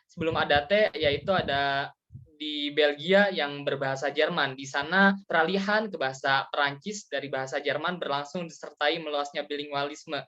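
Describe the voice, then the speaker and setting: A young student acting as moderator takes over the presentation, speaking formally at a middle pitch and working through numbered points. The sound is dull and lo-fi. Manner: formal, steady reading with enumerated points. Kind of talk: class presentation. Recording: dull lo-fi recording.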